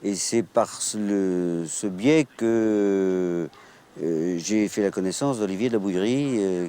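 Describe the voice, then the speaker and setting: Speaking in a documentary interview, this man, master of a hunting pack from Maine-et-Loire in France, explains at an even, measured pace, often hesitating. His mellow voice sits on the low side.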